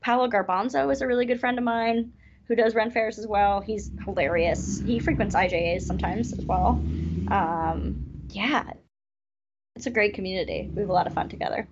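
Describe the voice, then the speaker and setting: A woman who works as a festival variety performer, chatting in an interview in an upbeat, chatty way full of quick asides. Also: medium pitch, background noise. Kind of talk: casual interview chat. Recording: dull lo-fi sound.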